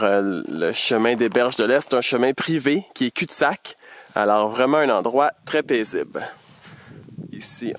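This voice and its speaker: Slow Quebec French man touring a property. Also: mid-range voice, a little hiss or hum, rough recording. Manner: slow, measured, walking while showing around. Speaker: real estate agent. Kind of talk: bilingual property video tour. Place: outdoors in deep snow on a lakeside property.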